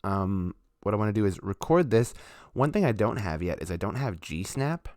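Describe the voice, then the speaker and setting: A man's voice: on the low side, expressive, normal speed, darkish tone, no echo, clean studio sound. A man chatting casually on a live stream as a musician, talking loosely with lots of fillers. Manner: laid-back, rambling, chatty with fillers.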